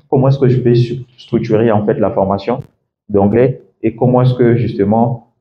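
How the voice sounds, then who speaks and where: A man's voice: mid-range voice, muffled recording. A man working as an English coach gives a classroom lecture, explaining step by step and often checking in with "d'accord?".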